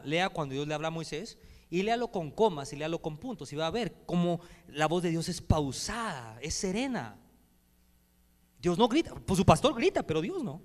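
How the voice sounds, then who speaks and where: A man preaching a sermon as pastor. He swings between loud preaching and hushed speech and speaks directly to the congregation. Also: high voice, big-room sound. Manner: addresses the congregation directly with calls to respond. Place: church hall.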